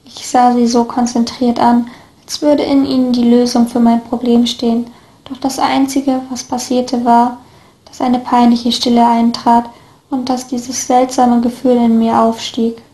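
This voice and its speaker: A woman narrating a first-person story in a steady, even reading voice. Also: on the high side, a little slow. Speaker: audiobook reader. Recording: echoey room.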